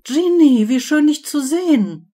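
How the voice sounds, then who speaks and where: A woman's voice: high-pitched, lively intonation, unhurried, warm tone, pitched above the performer's own voice. A woman voicing a gushing, overly sweet teenage witch in an audiobook reading. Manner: gushing, syrupy and eager.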